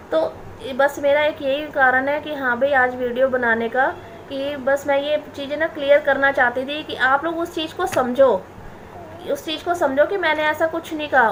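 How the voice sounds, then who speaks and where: A woman's voice: sits high, fairly bright tone, slight background noise. A woman in her thirties vlogging straight to camera, indignant and defensive, repeating her points as she answers critics. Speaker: family vlogger. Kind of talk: direct-to-camera vlog rant.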